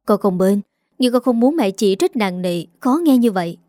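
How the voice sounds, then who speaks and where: A woman voicing a young office-worker daughter, soft and pleading with her mother. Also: medium pitch, lively intonation, normal speed, dry recording, clean studio sound, lightly acted.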